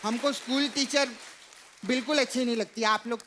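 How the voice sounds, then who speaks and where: A man's voice: very high voice, steady tone, moderate pace, a loud crowd. A man in a stage comedy sketch playing a cheeky schoolboy, teasing and childlike. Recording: studio audience, loud stage noise.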